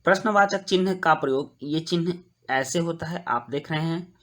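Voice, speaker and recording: A man gives a children's grammar lesson in a slightly high voice, recorded close as a voice-over. He explains slowly and clearly, like a patient classroom teacher, and reads the example sentences aloud.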